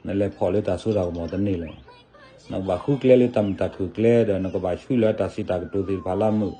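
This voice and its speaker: A man talking casually in a relaxed, chatty commentary, often adding little tag words. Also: low-pitched, rapid-fire.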